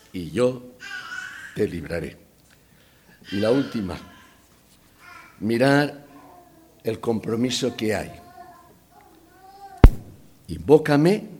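Male preacher, emphatic delivery with wide swings in pitch, slow and deliberate. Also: slightly rough. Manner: emphatic, rising to exclamations. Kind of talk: sermon.

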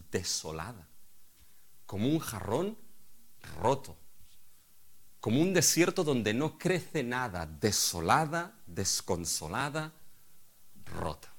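A male pastor preaching a sermon, swinging from hushed, quiet words to loud, emphatic outbursts. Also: on the low side.

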